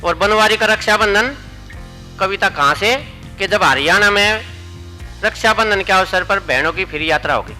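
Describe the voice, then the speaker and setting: A man's voice: high voice, moderate pace, bright, forceful tone, soft background music, low-quality recording. A man with a Haryanvi accent reciting comic poems on stage, playfully repeating his punchlines for the audience. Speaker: comic poet. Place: stage at a poetry gathering.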